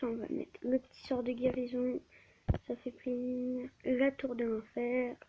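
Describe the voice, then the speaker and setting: A woman's voice: on the high side, little pitch movement, unhurried. A woman giving live gameplay commentary on her channel, often stammering and restarting words, recorded on a tablet mic. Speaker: gaming channel host. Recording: dull lo-fi with faint hiss.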